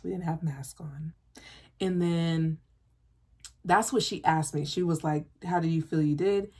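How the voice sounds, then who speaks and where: A woman's voice: sits low, measured pace, slightly rough. A woman, chatting casually to camera about her day and reassuring herself, talking with her hands, in a bedroom. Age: 20s. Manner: chatty, self-reassuring, expressive with hand gestures. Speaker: nursing student vlogger. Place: bedroom, indoors.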